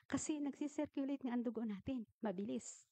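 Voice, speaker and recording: A woman giving an animated talk to an audience, asking questions and telling anecdotes. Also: high-pitched, brisk, dry recording. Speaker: health speaker at a church gathering. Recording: dull, slightly muffled recording.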